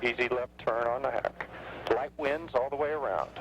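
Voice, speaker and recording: A man calmly calling out terse numbers and checks over cockpit headset intercom audio. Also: medium pitch, normal speed, lo-fi sound. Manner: clipped, calm, counting numbers. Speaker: shuttle crew member calling out landing. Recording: cockpit intercom playback, faint noise.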